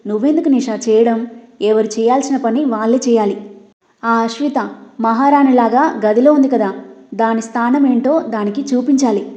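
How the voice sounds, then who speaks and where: A woman's voice: a little high, normal speed, dark tone, close to an everyday voice. A woman voicing a stern, domineering old grandmother who scolds harshly. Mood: scolding. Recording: roomy, dull lo-fi.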